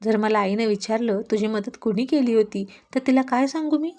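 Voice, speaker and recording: A woman's voice: a little high, normal speed, dark tone, lightly acted. A woman voicing a bold, talkative young village woman who teases and chatters. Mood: pleading.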